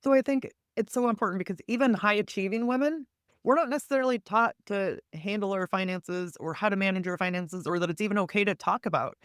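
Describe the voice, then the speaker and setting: A woman's voice: medium pitch, fast, clear, resonant tone, dry recording, studio quality. A woman hosting a podcast interview, affirming her guest and asking curious questions. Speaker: podcast host.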